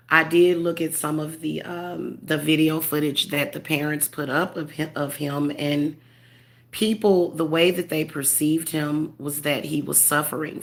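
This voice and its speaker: Here a woman with a low voice talks casually in the role of a spiritual medium. Her speech is congested and halting, packed with fillers and restarts, yet earnest and tender.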